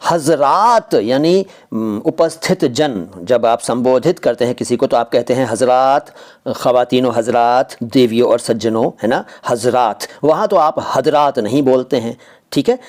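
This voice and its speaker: A man's voice: mid-range voice, measured pace, darkish tone. Indian man explaining word pronunciation. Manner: argumentative, repeats points with rhetorical questions. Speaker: language teacher.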